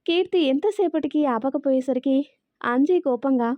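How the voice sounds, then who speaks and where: Brief: female narrator, high and expressive, dry close recording, a bit dull. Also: moderate pace, no echo. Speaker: storyteller. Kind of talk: scripted story narration.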